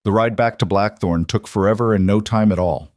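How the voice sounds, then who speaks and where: A man's voice: fairly low pitch, brisk, darkish tone, dry recording, studio quality. A man narrating a dramatic romance story in scripted storytelling style.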